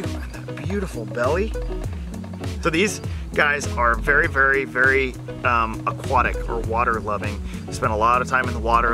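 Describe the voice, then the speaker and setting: A young man informally explaining wildlife outdoors, leaning on repeated words and casual hesitations, picked up by a camera a few feet away. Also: medium pitch. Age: young adult. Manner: hesitant, repetitive emphasis, says like often. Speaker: snake presenter in a wildlife vlog. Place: outdoors at night. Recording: loud music behind outdoor speech.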